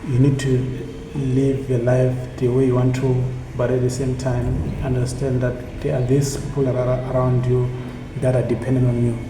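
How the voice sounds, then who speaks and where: The recording, made in an echoey room with unchanging background noise, captures a man from South Africa, a native Tsonga speaker, delivering a reflective motivational monologue. His medium-pitched voice is flat and earnest, and he halts and repeats phrases as the founder of a community initiative.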